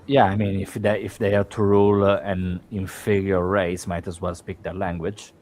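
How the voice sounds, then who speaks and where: A man's voice: low-pitched, flat delivery, normal speed, a little mellow. A man playing in a tabletop game, chatting loosely and swearing casually. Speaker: player.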